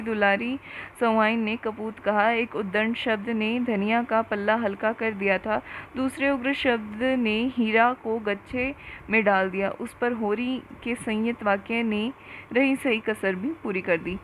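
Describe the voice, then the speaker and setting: A woman narrating a novel aloud in an even, literary storytelling manner. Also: fairly high pitch, slight background noise, rough recording.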